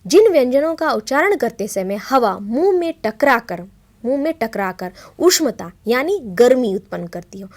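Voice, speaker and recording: A woman teacher giving a televised grammar lesson to children, asking them questions and answering them herself, drawing out letter sounds one by one. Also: fairly high pitch. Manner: explains slowly, often asks children questions and answers herself.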